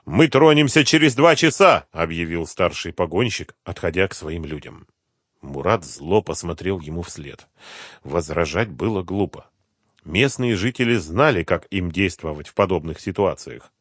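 A man narrating an audiobook in a steady, even reading. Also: sits low, normal speed, no echo, clean studio sound. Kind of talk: scripted narration.

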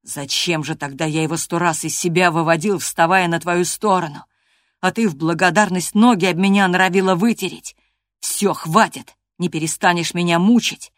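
A woman reading an audiobook voices a sullen, rough young man who speaks bluntly and slowly. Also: fairly low pitch, steady tone, dry recording, clean studio sound, natural voice. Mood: resentful.

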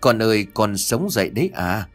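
A man's voice: on the low side, big pitch swings, moderate pace, faint music behind. A man voicing a grief-stricken old father who pleads and wails in a frantic voice for a horror audio story. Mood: frantic wailing. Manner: wailing, begging.

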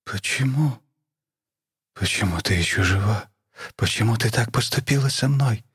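A man voicing a bewildered, frightened mother who pleads haltingly with her daughter in an audiobook. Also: medium pitch, a bit bright, slightly rough, no echo, studio quality. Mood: pleading.

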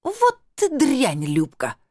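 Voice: mid-range voice, sing-song, moderate pace, darkish tone, no room sound, studio quality. A reader voicing a drunk, coarse middle-aged woman who shrieks slurred abuse. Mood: shrieking abuse. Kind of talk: audiobook character voice.

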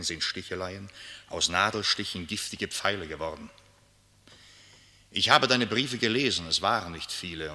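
This German literary radio drama features a reserved, brooding married aristocrat, conscience-stricken by a letter he reads aloud while muttering asides. His deep voice carries clear diction and a bright, forceful tone as he weighs his words.

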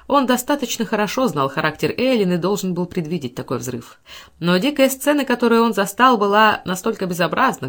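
Brief: female audiobook narrator, expressive, dramatic delivery of classic fiction. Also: mid-range voice.

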